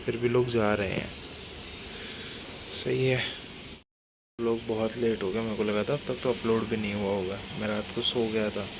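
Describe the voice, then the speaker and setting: A man's voice: fairly low pitch, gravelly. A man vlogging casually on his phone from an apartment balcony, rambling and correcting himself as he chats to viewers. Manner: rambling, self-correcting, chatty asides to viewers. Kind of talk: casual solo vlog chat. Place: apartment balcony in rainy weather. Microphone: phone camera. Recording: loud background noise.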